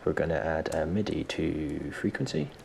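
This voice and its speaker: This man has a bass voice with vocal fry and talks at normal speed while presenting a casual software tutorial. He thinks aloud in an informal, self-mocking manner, and the recording carries some background noise.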